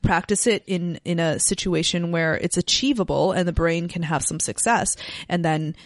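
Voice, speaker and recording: A woman's voice: fairly low pitch, normal speed, dry recording, studio quality. A woman co-hosting a yoga podcast, explaining postures in a casual chat and thinking aloud with restarts.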